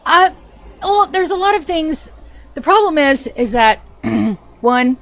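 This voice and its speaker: Speaking slowly in a high, animated voice with a fairly bright tone, this Georgia-accented woman with a slight lisp chats with viewers during a game stream. She's chatty, greets people by name, and keeps up casual commentary on her live play.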